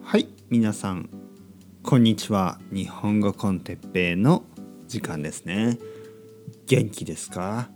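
A man hosting a podcast and explaining things slowly and clearly for learners, in simple phrasing with frequent tag questions. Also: lowish voice, a little mellow. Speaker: podcast host teaching Japanese.

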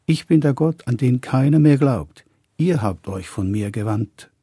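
An actor playing an old, feeble, tearful God in a radio play who speaks in a plaintive, pleading way. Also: male voice, mid-range voice, lively intonation, measured pace, mellow, husky, no room sound.

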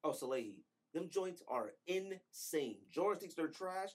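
Animated, emphatic man in his thirties. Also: on the high side, unhurried. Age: 30s. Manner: emphatic, slangy, counts down rankings. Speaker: podcast co-host. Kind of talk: casual chat.

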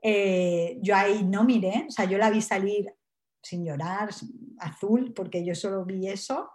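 A woman, nervous, telling her own story in an interview with halting speech and many restarts. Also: mid-range voice, darkish tone, reverberant. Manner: halting, frequent tag questions and restarts. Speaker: interview guest. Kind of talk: personal storytelling.

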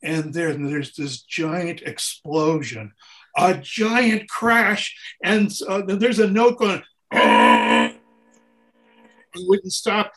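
This man's voice sits high and swoops wildly in pitch, moving extremely slowly with a slightly bright tone. A touring keyboard player on an interview, he tells casual anecdotes, acting out snippets of dialogue and sounds and repeating phrases for emphasis.

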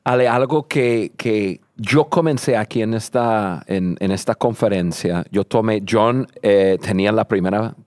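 A man's voice: fairly low pitch, a little slow, few pauses, darkish tone, no room sound, clean studio sound. A man co-hosting a podcast who talks earnestly and repeats words as he builds a point. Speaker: podcast co-host.

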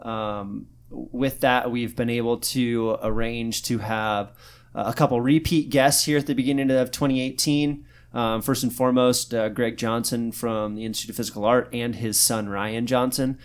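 A man from Arizona co-hosting a casual podcast, talking loosely with many fillers and restarts. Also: medium pitch. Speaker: podcast co-host, physical therapist.

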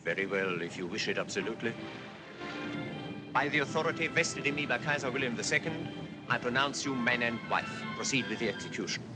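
A stern German officer, played by an actor, hands down formal, clipped pronouncements in a mid-pitched voice from an old film. Loud orchestral score plays behind him. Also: male voice, expressive, fairly quick, over loud music, close to an everyday voice. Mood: curt.

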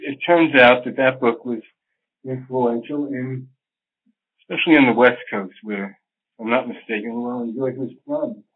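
An older man, an astrologer, giving long scholarly answers in an interview, digressive and full of fillers. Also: mid-range voice. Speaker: astrologer guest. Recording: phone-line sound.

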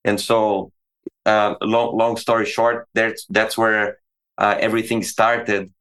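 Speaking with a Brazilian Portuguese accent, this veterinary professor from Brazil, a man in his forties, answers questions in a conversational interview. His voice is lowish and a bit bright, with little pitch movement. His delivery halts, with frequent restarts and repeated words.

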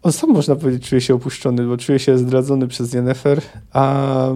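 A man hosting a podcast, summarizing a novel and reading passages aloud, pausing often with fillers and corrections. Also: medium pitch, steady tone, mellow. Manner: halting, many fillers and self-corrections. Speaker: podcast host.

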